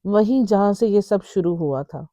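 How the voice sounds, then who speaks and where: A woman voicing an older male religious healer who warns and reassures in a slow, solemn way. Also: medium pitch, expressive, warm tone, no room sound, lightly acted.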